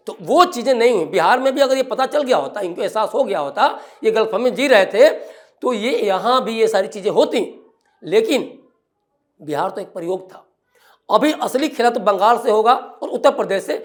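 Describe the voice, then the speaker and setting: A man's voice: sits high, animated, normal speed. A man speaking as a political commentator on a TV news panel, emphatic and firing off rhetorical questions.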